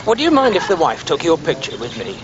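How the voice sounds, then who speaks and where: An actor playing a chatty local pub landlord making nosy small talk with tourists. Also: male voice, a little high, huge pitch swings, fairly quick, highs cut off, crowd noise.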